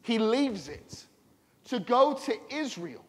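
Preacher with a high voice in a reverberant church. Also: male voice, very animated, slow, a bit bright. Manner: preaching with call-and-response to the congregation. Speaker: pastor. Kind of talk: sermon. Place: church sanctuary.

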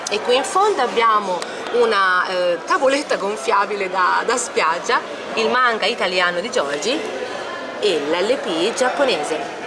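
A woman in a busy convention hall, steering her handheld camera from case to case as she talks through her collection. Her voice sits at an ordinary middle pitch, casual and a little halting as she names each piece. Heavy crowd noise fills the space around her. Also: animated. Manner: walking the camera through display cases, listing items with small hesitations. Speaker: collector showing her exhibit. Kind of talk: casual guided tour narration. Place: indoor convention hall stand. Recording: loud background noise of a public hall. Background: loud convention crowd ambience.

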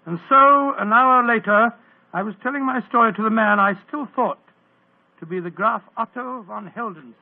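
An actor playing a bluff, kindly older English doctor who blusters and stammers, in an old radio drama. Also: male voice, extremely high pitch, normal speed, vocal fry, exaggerated voice. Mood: hearty. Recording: tinny 1940s radio broadcast.

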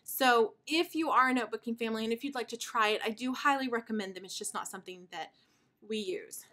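A woman's voice: on the high side, fast. A woman in her thirties, a homeschooling mother, explaining her curriculum in a chatty, enthusiastic way while out of breath and sighing. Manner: chatty and warmly enthusiastic, with fillers. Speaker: homeschooling mother and video host. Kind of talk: casual show-and-tell explanation.

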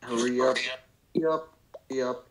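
A man's voice: mid-range voice, steady tone, slow, roomy sound. A man playing a game with friends, joking around and urging them to start. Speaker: game player. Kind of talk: casual game chat. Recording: very noisy voice chat.

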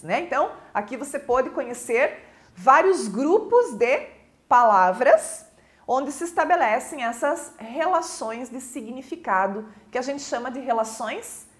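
A Brazilian Portuguese woman teaching a recorded online class, explaining patiently and often checking in with her students. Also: fairly high pitch.

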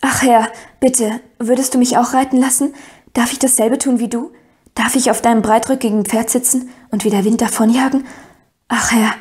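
A woman's voice: medium pitch, steady tone, a little fast, warm tone, close to an everyday voice. A woman reading an audiobook, voicing an eager, curious thirteen-year-old girl who asks question after question. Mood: pleading. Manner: breathless, pleading questions.

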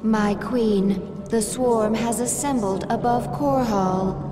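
A woman voicing a calm, dutiful alien servant in a game, reporting formally in measured sentences. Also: on the high side, music in the background. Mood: formal, composed.

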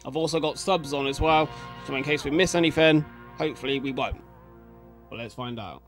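Seated at a desk indoors, a man in his thirties hosts a reaction video, casually commenting, musing aloud, and talking informally to viewers. His voice is a little high and a little fast, with music playing in the background.

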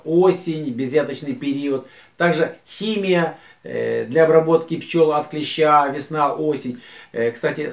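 A middle-aged man talks to a camera set up across a table, his fairly high voice bouncing around a small echoey room. He gives beekeeping advice in a plain, homely way, dropping "eh" between phrases and gesturing as he speaks. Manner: frequent "eh" fillers, dry chuckles, gesturing. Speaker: beekeeper vlogger. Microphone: fixed camera at table distance.

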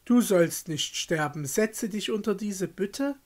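Benjamin, the youngest brother of a storybook fairy tale, speaks earnestly and with emphasis, voiced by a male reader. The delivery is slow and deliberate. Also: sits high, lively intonation, heavily acted.

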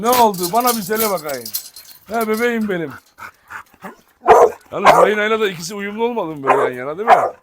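A man with a high, animated voice walks through a farm, calling his dogs over and chatting to his viewers. Loud noise and barking dogs fill the background of this outdoor recording. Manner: coaxing dogs, addressing viewers. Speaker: dog breeder vlogger. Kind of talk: casual farm vlog talking to dogs. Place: outdoor farm with dog cages.

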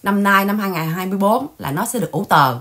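A woman's voice: medium pitch, quick pace, a bit bright. A woman hosting an online channel, chatting casually and mocking others in scolding gossip. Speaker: channel host. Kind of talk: casual livestream chat.

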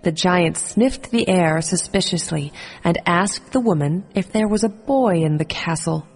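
A woman narrating a children's fairy tale in a calm, measured storytelling manner. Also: on the low side, big-room sound, faint music behind.

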